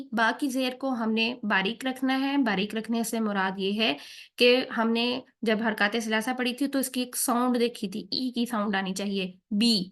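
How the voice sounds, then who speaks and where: A patient woman teaches Quran recitation, and her voice sits a little high. She explains each pronunciation point step by step and keeps checking that her learners follow. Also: fairly bright tone. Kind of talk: tajweed lesson with slow recited examples.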